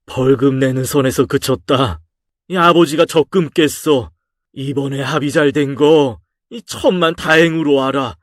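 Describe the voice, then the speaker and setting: A man's voice: medium pitch, a little slow, no room sound, studio quality, natural voice. A man reading a story aloud and voicing a stern, exasperated middle-aged father who scolds his son in a raised voice. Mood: scolding. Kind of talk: audio drama story reading.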